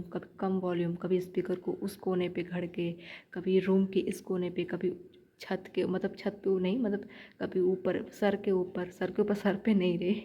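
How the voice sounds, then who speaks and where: A woman's voice: on the low side, muffled recording. A young woman giving chatty shorthand practice tips in a casual vlog, repeating her points as she coaches viewers. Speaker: shorthand learner vlogger.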